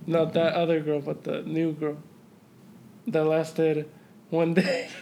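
A young man with a fairly high voice, talking casually among friends. His speech is informal and slangy, peppered with swearing, like a co-host on a loose podcast. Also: monotone, slow pace, creaky, warm tone, a little hiss or hum. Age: young adult. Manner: profane, informal slangy talk.

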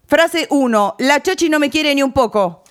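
Argentine woman running a game w friends, high voice that bounces all over, laughy. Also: expressive, normal speed. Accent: Argentine Spanish. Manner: playful, laughing, reads quotes aloud. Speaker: host reading game phrases. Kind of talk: casual chat among friends.

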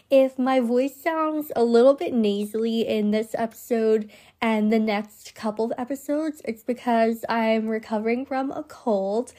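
A woman's voice: on the high side, warm tone. A woman podcast host delivering a scripted introduction to her show.

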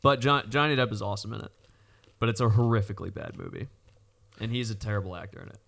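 A man's voice: on the low side, quick pace, creaky, fairly bright tone. A man chatting casually, laid-back and blunt with his opinions. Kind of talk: casual chat.

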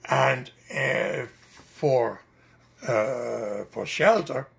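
Older man, Dutch accent, very gravelly voice, hesitant rambling storyteller, interviewee. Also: medium pitch, drawn-out words, fairly bright tone. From Netherlands. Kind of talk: oral history interview.

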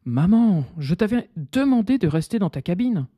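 A man doing a calm, firm young prince. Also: high-pitched, normal speed, dry recording, lo-fi sound, pitched above the performer's own voice. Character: young noble male prince, calm and peaceable.

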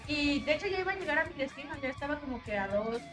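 A woman with a Mexican accent telling an animated anecdote in casual chat, full of slang. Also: high voice, quick pace, music in the background, rough recording. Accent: Mexican Spanish.

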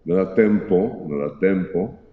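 A man voicing a boastful fake opera tenor who speaks slowly and grandly and fumbles invented Italian words. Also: low-pitched. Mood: grandiose. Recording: dull echoey hall recording.

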